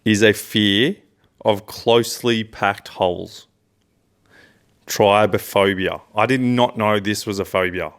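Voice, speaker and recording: A man's voice: lowish voice, steady tone, slow pace. A man co-hosting a podcast, telling a story in casual chat with lots of fillers and restarts. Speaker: podcast co-host.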